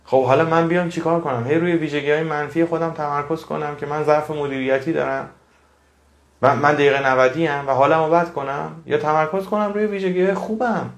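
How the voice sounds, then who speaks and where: A man's voice: a little high, fairly even intonation, gravelly, echoey room. A man giving a motivational talk to his audience, earnest and preachy, repeating phrases for emphasis. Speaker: motivational speaker.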